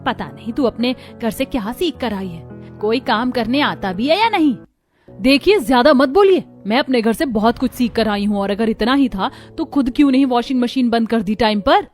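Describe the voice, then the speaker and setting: Woman in a shrill cartoon quarrel. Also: normal speed, a little mellow, faint music behind. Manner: shrill bickering, raises her voice in quarrels. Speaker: voice actor for several women in an animated story. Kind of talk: dubbed cartoon dialogue.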